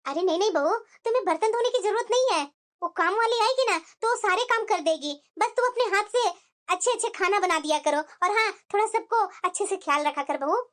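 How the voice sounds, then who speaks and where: A woman's voice: extremely high pitch, fairly quick, a bit bright. A woman voicing a kind, protective middle-aged mother-in-law in a cartoon, talking in a fond, reassuring, motherly way. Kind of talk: cartoon voice acting.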